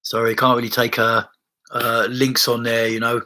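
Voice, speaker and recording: A body-based therapist reads out and responds to viewer comments on a casual livestream, rambling with plenty of restarts and swearing. He speaks in a monotone at a moderate pace, his mid-range voice sharp in tone over a laptop mic.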